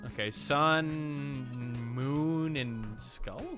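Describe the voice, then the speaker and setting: A gaming video host speaks in a higher-pitched voice at an extremely slow pace, with music playing underneath. He rambles through casual, off-the-cuff let's play commentary, interrupting himself as he thinks aloud and reading game text aloud.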